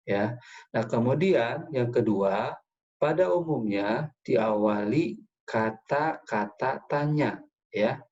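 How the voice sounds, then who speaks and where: Man, teacher, patient lesson for children, frequent filler words, middle pitch, dull lo-fi sound. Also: lively intonation, takes it slowly, a little mellow. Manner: patient, repeats "ya" and "nah" often.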